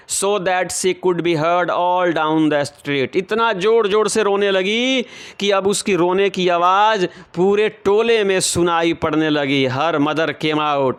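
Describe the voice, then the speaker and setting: High-voiced teacher explaining. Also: male voice, a bit bright. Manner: reads English lines slowly, then explains and repeats in Hindi. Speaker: English teacher. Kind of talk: classroom explanation.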